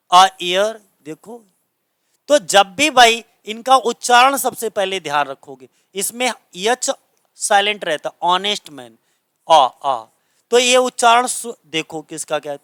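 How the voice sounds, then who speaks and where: Man from India, grammar teacher, bright tense voice, dry close sound, patient, repeats rules, checks understanding. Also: sits high, smooth, no echo. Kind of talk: classroom lesson. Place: coaching centre classroom.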